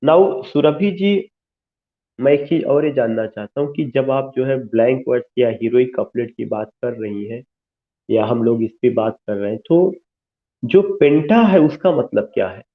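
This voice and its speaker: A man teaching English literature in an online class, explaining slowly, repeating key terms and mixing English into Hindi. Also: medium pitch, animated. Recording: tinny phone-like audio.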